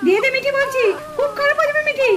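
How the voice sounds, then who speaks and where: A woman's voice: extremely high pitch, steady tone, racing, a bit bright. A woman voicing a firm, worried mother doll who scolds the children in a puppet cartoon. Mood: scolding.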